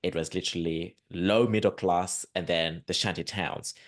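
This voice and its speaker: A deep, low-pitched man hosts a conversational podcast interview. He talks in an emphatic, earnest and animated way. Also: moderate pace. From Zimbabwe. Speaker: podcast host.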